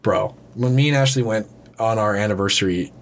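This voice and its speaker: A man co-hosting a casual podcast in an informal, joking way, congested, with a rough smoker's rasp. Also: on the low side, brisk, slight background noise. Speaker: podcast co-host. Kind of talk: casual film podcast chat.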